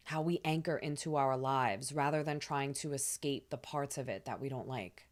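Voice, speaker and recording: A woman hosting a spiritual astrology channel, talking in a soft, soothing way with casual fillers. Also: low voice. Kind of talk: gentle spiritual talk to camera.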